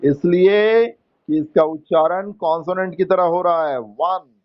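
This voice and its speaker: In a classroom English grammar lesson, a man with an Indian accent and a high voice slowly coaxes students to answer. He explains the rules in Hindi mixed with English terms, and the audio is dull.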